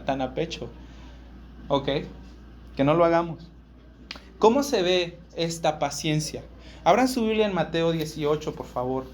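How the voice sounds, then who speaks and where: Male pastor, northern Mexican accent, emphatic sermon delivery, slightly raised pitch. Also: slight background noise. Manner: emphatic, repeats key words, checks in with "ok?".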